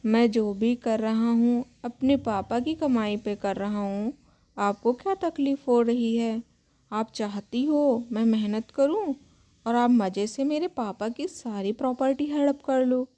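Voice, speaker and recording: A woman's voice: on the high side, measured pace, warm tone, lightly acted. A woman voicing a bitter, accusing young adult son in a narrated family story.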